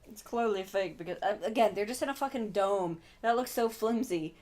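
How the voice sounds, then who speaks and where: A woman's voice: mid-range voice, brisk, a little mellow. A woman co-hosting a casual movie commentary, joking and sarcastic, with a swear here and there. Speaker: podcast co-host.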